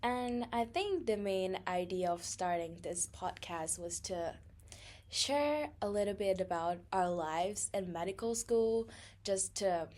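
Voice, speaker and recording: A woman's voice: medium pitch, animated, takes it slowly, darkish tone. A young woman from Thailand co-hosting a casual podcast, chatty and laughing often, with many fillers. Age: young adult. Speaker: podcast co-host.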